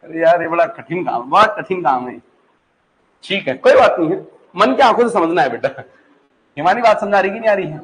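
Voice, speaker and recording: A man with a Pahari-influenced Hindi accent lectures a classroom, patient and chatty, often repeating his questions to the students and making sure they follow. His voice sits high, and the recording is low quality.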